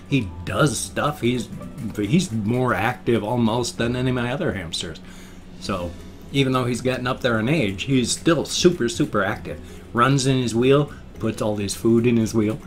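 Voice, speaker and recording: A man chatting casually and ramblingly to a webcam at home, slightly slurring his words around loose, ill-fitting dentures. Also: mid-range voice. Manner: rambling, repeats and rephrases himself. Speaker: vlogger showing pet hamsters. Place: indoors, a room at home. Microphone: webcam setup.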